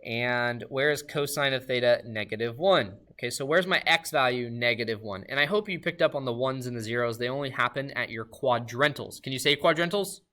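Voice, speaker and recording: A man giving a recorded math lesson, upbeat and talking straight to his students with quick questions. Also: medium pitch, bright, forceful tone. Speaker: math teacher.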